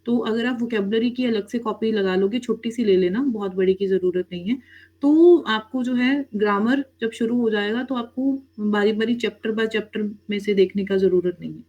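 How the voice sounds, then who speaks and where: A woman's voice: mid-range voice, a little mellow, dull audio. A woman teaching an online Korean language class, who mixes in English words and keeps checking with her students. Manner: addresses students as "beta", frequent "theek hai?" checks.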